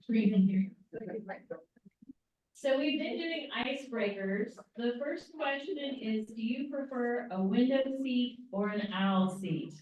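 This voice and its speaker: A woman's voice: on the high side, measured pace. A woman with a Southern accent leading a group trip meeting in a chatty, rambling way. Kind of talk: casual group meeting talk. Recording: echoey dull room audio from far off.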